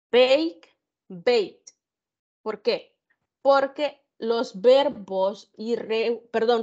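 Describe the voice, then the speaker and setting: A woman teaching an online grammar lesson, her voice sitting a little high. She talks very slowly and carefully, checking in with her students as she goes. The sound is muffled and lo-fi, as from a computer mic. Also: darkish tone. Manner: slow, careful explaining with examples and questions. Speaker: English tutor. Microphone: computer mic on an online class.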